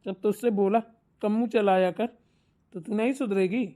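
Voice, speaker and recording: A woman's voice: medium pitch, steady tone, moderate pace, mellow, lightly acted. A woman voicing a young married son in a cartoon, blunt and stern with his wife, with a Bundelkhandi accent. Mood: scolding. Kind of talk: cartoon voice acting.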